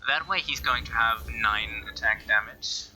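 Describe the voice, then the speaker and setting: A man's voice: medium pitch, measured pace, sharp tone, rough recording. A man giving casual game commentary, thinking aloud in a hesitant way. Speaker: gameplay commentator.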